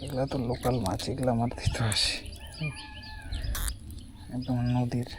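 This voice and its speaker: A man's voice: mid-range voice, level tone, normal speed, noisy background. A man fishing by a river, chatting casually to the camera as he shows each catch. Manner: chatty, shows off each catch, asks "ঠিক আছে?" often. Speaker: fishing vlogger. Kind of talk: casual outdoor vlog narration. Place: outdoors by a river among rice fields.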